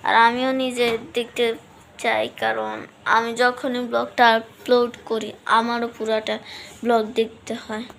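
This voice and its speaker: A woman's voice: a little high, flat delivery, unhurried, vocal fry, a bit bright. A young woman vlogging casually to her viewers, chatty and rambling. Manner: chatty, rambling, counts numbers aloud. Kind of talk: casual vlog chat to viewers. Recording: faint background noise.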